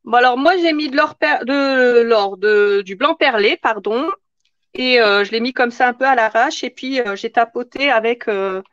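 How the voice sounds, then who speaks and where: A woman's voice: fairly high pitch, moderate pace, a bit bright, no echo, lo-fi sound. A woman hosting a live craft tutorial in casual chat, answering viewer comments as she works.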